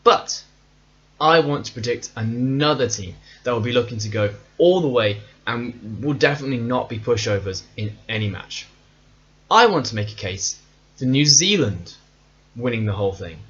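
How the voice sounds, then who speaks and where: A man hosts a casual solo podcast at a middling pitch. His talk is chatty and playful, with self-mocking asides. The audio sounds a little dull and lo-fi. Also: lively intonation, normal speed, fairly bright tone. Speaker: podcast host.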